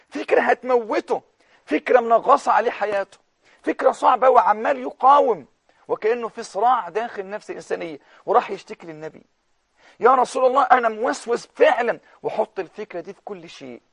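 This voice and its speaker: Egyptian male TV preacher; fervent, hushed to loud; high voice, dry studio sound. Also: creaky, no echo. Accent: Egyptian Arabic. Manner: impassioned, swings between hushed and loud. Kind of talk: televised sermon.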